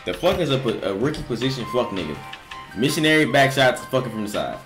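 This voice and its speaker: A man's voice: mid-range voice, very animated, quick pace, a bit bright, faint music behind. A young man chatting casually on a livestream in a crude, jokey, slangy frat-bro manner, emphatic and repeating himself. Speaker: streamer reacting to viewer confessions.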